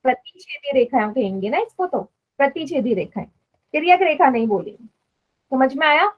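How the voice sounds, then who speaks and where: A woman's voice: sits high, very animated, fairly quick, highs cut off. A woman teaching math in a live online class, patiently explaining and quizzing students. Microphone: online class stream.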